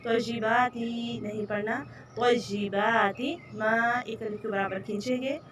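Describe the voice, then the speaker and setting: A woman's voice: medium pitch, steady tone, normal speed, fairly bright tone, distant mic, a little hiss or hum. A woman teaching a Quran recitation lesson, patiently explaining each sound and repeating the right and wrong way to say it. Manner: patient, instructive, repeats correct and wrong pronunciations. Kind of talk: tajweed lesson.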